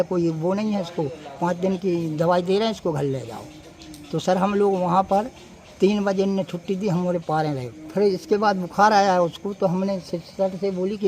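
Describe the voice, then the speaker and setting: A man's voice: sits high, a little mellow, a little hiss or hum. A man, a relative of the patient, hurriedly telling a reporter what happened and calling him sir. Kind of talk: recounting to a reporter.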